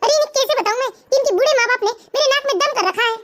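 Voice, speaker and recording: A performer voicing a scheming young wife in an animated family story, sly and complaining. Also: extremely high pitch, rapid-fire, very noisy. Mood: resentful. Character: scheming young wife, resentful of her in-laws.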